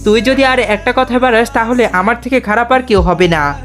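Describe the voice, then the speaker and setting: Lady reading as a gruff bossy young husband, clipped and harsh, music faint behind. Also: a little high, normal speed, fairly bright tone, close to an everyday voice. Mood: angry. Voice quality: clipped, commanding delivery. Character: hot-tempered young husband, gruff and domineering.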